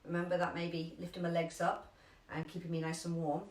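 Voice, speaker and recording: Female first aid instructor, London accent, chatty, stresses steps slowly; roomy, distant sound. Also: on the low side, monotone. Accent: London English. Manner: chatty, emphatic, repeats key instructions slowly. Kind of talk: live online first aid class. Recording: echoey room, distant from mic.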